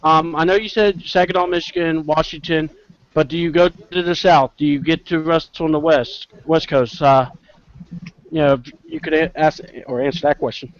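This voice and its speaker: A man from the American South hosting a casual podcast interview, excitable and joking, with loud bursts. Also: on the high side, normal speed, dull audio. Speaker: podcast host.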